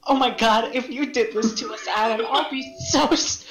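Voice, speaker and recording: A woman with a fairly high voice chats casually as a player in a tabletop game. She gets excitable, and the room is echoey with music underneath. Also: normal speed. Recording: roomy echo, music underneath.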